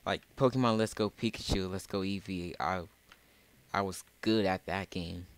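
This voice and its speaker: A man's voice: sits low, fairly even intonation, moderate pace, clean tone. A man hosting a casual let's play, rambling and often correcting himself. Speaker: gamer, channel host.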